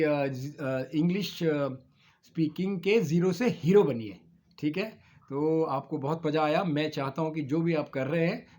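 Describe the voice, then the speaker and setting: Slightly high Indian man teaching English. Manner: spells out words letter by letter, drawn-out teaching delivery with many fillers. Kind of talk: video lesson in Hindi mixed with English.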